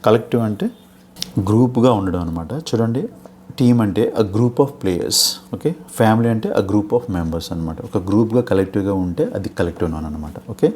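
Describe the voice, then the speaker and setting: A man's voice: lowish voice, brisk, mellow, a little hiss or hum. A man with a Telugu accent teaching English grammar for a teacher exam, explaining patiently and often checking in with "okay?". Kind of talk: exam-prep lecture in Telugu with English terms.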